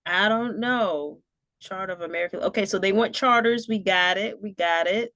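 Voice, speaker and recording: A woman co-hosting a casual political chat, thinking aloud as she reads and comments. Her voice sits at an average pitch and sounds dry and close to the mic. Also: normal speed, fairly bright tone, dry recording. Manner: musing, reads aloud, laughs often. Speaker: podcast co-host.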